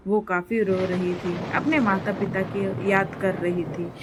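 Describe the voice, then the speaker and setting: A woman's voice: mid-range voice, steady tone, a little slow, noisy background. A woman narrating a children's cartoon story in a simple storytelling manner.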